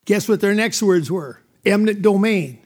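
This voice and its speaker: A man's voice: high voice, normal speed, darkish tone. A middle-aged man from North Dakota, giving emotional, plain-spoken testimony as a landowner at a public hearing.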